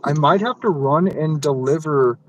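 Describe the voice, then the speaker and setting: A man's voice: fairly high pitch, moderate pace, poor audio. A man chatting casually on a live stream while working deliveries, easygoing and chuckling, with frequent stammered restarts.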